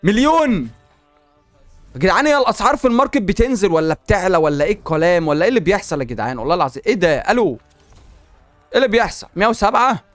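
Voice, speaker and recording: A gaming YouTuber with an Egyptian Arabic accent excitedly comments while opening packs in a video game, exclaiming and talking back to the game. His voice is high and racing, with no echo and faint music in the background.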